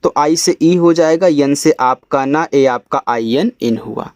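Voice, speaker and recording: A man from India teaching English reading, spelling each word letter by letter and then sounding it out slowly. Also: on the high side, a little mellow, dry recording. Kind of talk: step-by-step spelling lesson.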